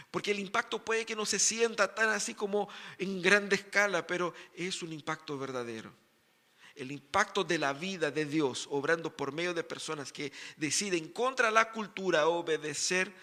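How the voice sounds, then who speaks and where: Male pastor, high and forceful, emphatic preaching in a reverberant church hall. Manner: emphatic preaching, voices characters in quotes. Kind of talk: sermon. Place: church sanctuary.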